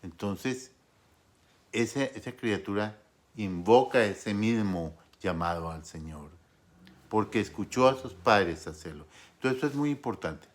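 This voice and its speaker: A man preaching a sermon in an earnest, exhorting way, with frequent pauses. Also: on the low side, expressive. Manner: earnest, exhorting, pausing often.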